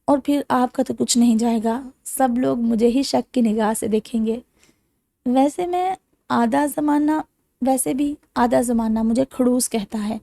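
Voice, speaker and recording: A woman's voice: on the high side, level tone, pauses often, dark tone, no room sound, clean studio sound, natural voice. A woman narrator voicing a playful young groom who teases in a mock-serious way. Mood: teasing.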